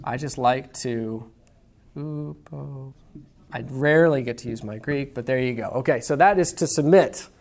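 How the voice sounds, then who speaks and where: A pastor preaches to a congregation in a church room, keeping things casual and conversational and frequently checking in with "okay?". His medium-pitched voice is creaky and a little mellow, and he speaks at a measured pace.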